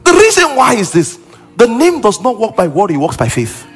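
A man's voice: high voice, wildly swooping pitch, a little fast, breathy edge, faint music behind. A male pastor preaching a sermon with emphasis, repeating key lines and acting out what people say.

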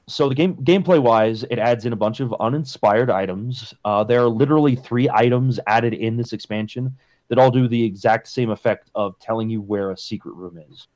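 A man delivers a scathing, blunt critique in casual gaming talk. His voice sits at an average pitch and is recorded dry, with little room sound. He swears freely as he picks things apart. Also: a little fast, a little mellow, dry recording. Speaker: gaming podcast co-host. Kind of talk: casual video game discussion.

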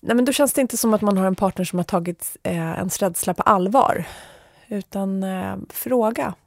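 A woman's voice: mid-range voice, creaky, no echo, studio quality. A woman speaking as a guest in an interview, direct and frank. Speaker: guest expert. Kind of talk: conversational interview.

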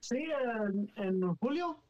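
Casually mixing Spanish and English, a guest paranormal investigator tells his stories slowly in a high-pitched voice with big pitch swings. His tone is darkish and the audio sounds dull.

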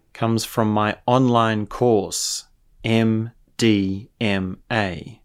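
Slow, low-voiced man guiding meditation. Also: clear, resonant tone. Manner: slow, deliberate, calm instruction. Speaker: meditation teacher introducing own course. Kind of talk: guided meditation and spoken introduction.

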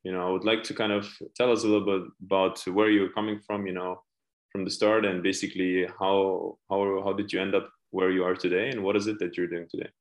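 Male podcast host, somewhat low voice, loose filler-laden interviewer, echoey room. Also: flat delivery, fairly quick. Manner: rambling questions full of fillers. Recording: roomy echo.

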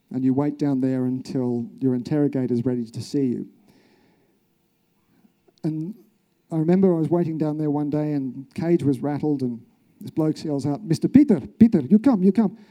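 A man's voice: fairly high pitch, mellow. An Australian journalist, a man, telling his own story in an earnest, reflective way, with rhetorical questions. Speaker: journalist, speaker. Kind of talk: recounted personal story, public talk.

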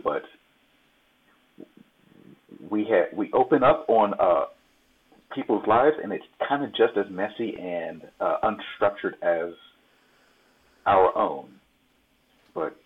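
A man's voice: fairly low pitch, slightly rough. A man co-hosting a film review podcast, musing casually and searching for his words. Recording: tinny phone-like line.

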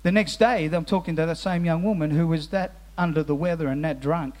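Male pastor, high voice, earnest sermon delivery with restarts, slow soft solemn lines. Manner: earnest, repeats words as he restarts phrases; drops to slow, soft tones on solemn phrases. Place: church hall with musicians present.

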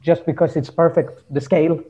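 Fairly quick and warm-toned, this man's fairly high voice shows little pitch movement, and the recording's highs are cut off. As a folk musician guest in a casual interview, he hesitantly searches for words in English, not his native language.

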